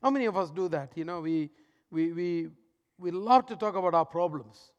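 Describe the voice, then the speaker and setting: High-voiced preacher in a reverberant hall. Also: male voice, expressive, normal speed, clean tone, lo-fi sound. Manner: dramatic swings between loud emphasis and hushed, soft lines. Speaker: pastor. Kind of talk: sermon.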